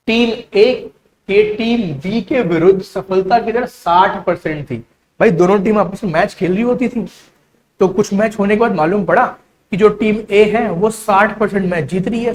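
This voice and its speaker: A man's voice: high-pitched, slight background noise, low-quality recording. A man teaching an exam-prep maths lesson, patient and step by step, often checking in with the students. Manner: patient, explains step by step with frequent "theek hai".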